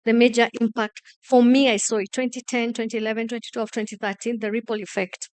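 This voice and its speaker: Woman on a panel, earnest stories, smooth slightly high voice. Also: flat delivery, fast talker, darkish tone, dry recording. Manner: earnest, anecdotal. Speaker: panelist, former HIV testing counselor. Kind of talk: panel storytelling.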